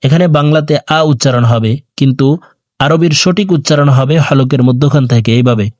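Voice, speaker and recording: A man teaching Quran reading, reciting letters and vowel marks in a slow drill with quick explanations in between. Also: mid-range voice, a little mellow, no echo, studio quality. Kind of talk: recorded recitation lesson.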